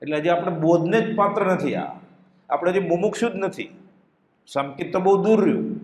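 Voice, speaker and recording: A male teacher of spiritual texts delivers an expressive, devotional discourse in a somewhat high voice. He fires off rhetorical questions and recites verses in a chanting tone. The sound carries the reverb of an echoey room.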